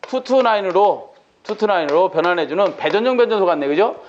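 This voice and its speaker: A man's voice: sits high, expressive, brisk, highs cut off. A male lecturer in an exam-prep lecture, working through problems by asking questions and answering them himself.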